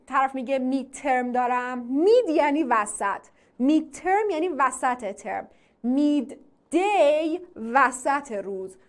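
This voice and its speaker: A woman teaching an online English class. She asks the class questions, answers them herself and repeats English phrases slowly for drilling. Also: high-pitched, fairly bright tone. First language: Persian.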